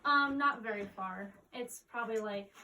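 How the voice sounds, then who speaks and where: Cave guide, woman, high voice, informal explanatory delivery, distant mic inside a cave. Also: normal speed, dull audio, noisy background. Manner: casual, frequent "like" and "kind of". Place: inside a cave, speaking to group.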